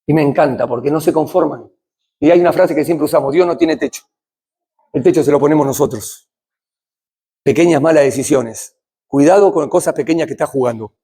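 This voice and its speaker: Middle-aged man, Rioplatense Spanish accent, high husky voice, conversational church talk on recovery. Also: animated, brisk, pauses often. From Argentina. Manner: conversational, asks the audience questions, swings between loud and hushed. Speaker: addiction recovery speaker.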